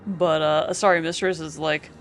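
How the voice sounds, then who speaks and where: Casual, sarcastic gameplay streamer; mid pitch, music under. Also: steady tone, moderate pace, a bit bright. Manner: chatty, sarcastic.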